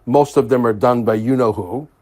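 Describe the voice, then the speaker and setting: A man's voice: medium pitch, normal speed, mellow. A man hosting a podcast in a casual monologue, emphatic and repeating phrases for stress. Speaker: podcast host.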